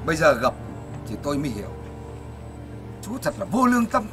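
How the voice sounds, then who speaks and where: A man's voice: on the high side, huge pitch swings, moderate pace, over music. A man playing a stern neighborhood elder who lectures a swindler in a TV comedy.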